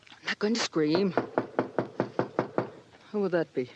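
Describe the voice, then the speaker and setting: An actress playing a proud, frightened young wife in trouble, speaking with haughty urgency in a 1940s radio drama. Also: female voice, fairly low pitch, takes it slowly, heavy background noise. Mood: shocked. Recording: muffled old radio recording.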